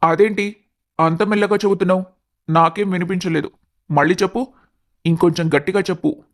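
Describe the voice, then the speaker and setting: A man's voice: sits high, steady tone, fairly quick. A man voicing an earnest, lovestruck young man who speaks in a pleading way. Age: young adult.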